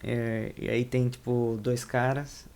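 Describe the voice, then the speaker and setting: A man's voice: medium pitch, little pitch movement, slow, darkish tone. A young Brazilian man with a Brazilian Portuguese accent, teaching an English lesson in a rambling, informal way and correcting himself as he goes. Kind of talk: casual explanatory lesson.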